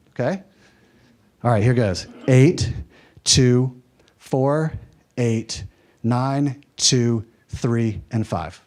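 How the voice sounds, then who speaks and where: A medium-pitched, darkish voice belongs to a man from the American South's mountain region who is lecturing at a workshop in a workshop room. His style is conversational and lightly humorous, with check-ins with his audience.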